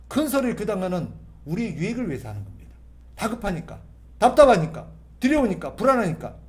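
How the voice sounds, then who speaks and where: Lively, higher-voiced male preacher. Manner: conversational preaching, often acting out sample prayers and voices; emphatic rhetorical questions and answers. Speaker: pastor. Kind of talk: sermon at a Friday prayer meeting.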